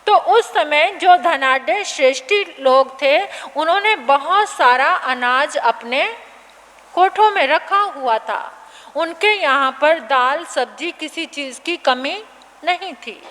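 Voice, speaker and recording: Slow, emphatic woman preacher. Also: sits high, lively intonation, a bit bright. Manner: slow and emphatic, repeats phrases. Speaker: Jain nun preacher. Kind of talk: storytelling sermon. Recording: reverberant hall, faint background noise.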